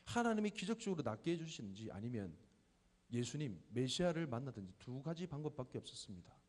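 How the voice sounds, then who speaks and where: A man's voice: medium pitch, big pitch swings, fast, darkish tone. A man in his thirties preaching a sermon to a church youth group, speaking conversationally, posing questions and telling stories about his own family. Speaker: pastor. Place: church hall. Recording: long hall reverb.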